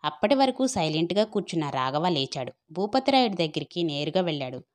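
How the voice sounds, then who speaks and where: A woman's voice: fairly low pitch, very animated, a little fast. Woman narrating an audio story. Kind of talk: scripted narration.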